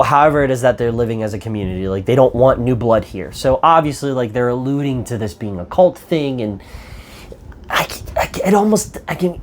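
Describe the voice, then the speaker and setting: A man's voice: mid-range voice, slight background noise. A man ranting through a movie review, exasperated and profane, rambling as he goes. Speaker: film reviewer.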